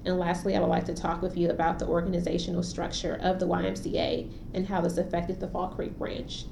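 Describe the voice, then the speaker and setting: A woman with a fairly low, creaky voice speaks a little fast in a completely flat delivery. Conducting a formal oral history interview, she reads a structured preamble and then offers short acknowledgments before asking questions. The recording has a roomy echo and faint noise.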